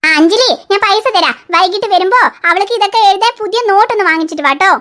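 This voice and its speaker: A woman voicing a calm, gently scolding mother in a cartoon. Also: very high-pitched, quick pace. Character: soothing cartoon mother of three girls. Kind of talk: cartoon voice acting.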